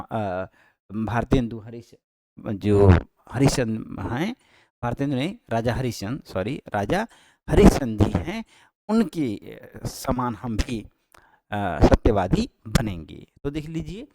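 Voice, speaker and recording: A male teacher talking students through exam answers, explaining patiently and repeating key points, with frequent pauses and self-corrections. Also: mid-range voice, animated, warm tone. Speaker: Sanskrit teacher. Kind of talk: exam-prep lesson. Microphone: handheld microphone held close.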